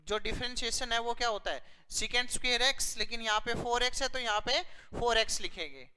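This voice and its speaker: A woman teaches a math lesson step by step in a slightly high voice. She explains slowly, asking herself questions and answering them. The sound rings with long reverb. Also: sharp tone, clear, resonant tone. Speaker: physics teacher.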